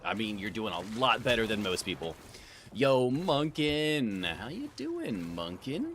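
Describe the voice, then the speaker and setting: With a mid-range, fairly bright voice whose pitch swoops wildly, a livestream gamer talks at a measured pace, casually chatting with viewers as he plays, greeting them by name and calling them sir. Background noise is clearly audible.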